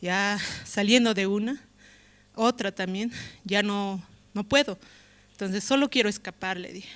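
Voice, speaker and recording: A woman's voice: mid-range voice, a little slow, a bit bright, clean tone. A woman with a Bolivian Spanish accent giving an emotional testimony in church, often adding "right?" to her phrases. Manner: emotional, tag questions "¿no?" often. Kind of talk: spoken testimony.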